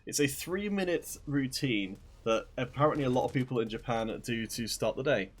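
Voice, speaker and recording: A man's voice: medium pitch, lively intonation, moderate pace. A man casting a live esports stream, chatting upbeat and directly to viewers. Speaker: esports caster.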